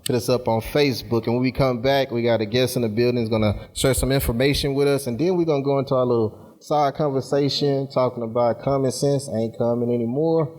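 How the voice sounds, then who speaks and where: A man's voice: mid-range voice, fairly even intonation, fast talker, hardly any pauses, a little mellow. A man hosting a casual podcast from a studio room, laid-back and joking, often dropping "man" into his sentences. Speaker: podcast host.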